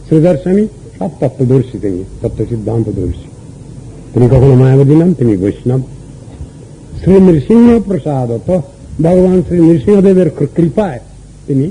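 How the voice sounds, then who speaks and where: An older man delivers a devotional sermon, posing questions to his listeners and chanting Sanskrit verses between explanations. His voice sits a little high yet sounds very dark and mellow. A faint hum runs under the recording. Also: low-quality recording. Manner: measured, teaching with rhetorical questions and recited verses. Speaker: Vaishnava guru giving a discourse.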